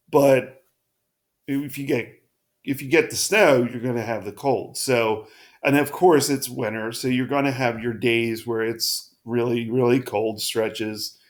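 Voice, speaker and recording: Over a weather map, a man delivers a laid-back forecast in a hoarse, croaky mid-range voice, stopping and starting again many times.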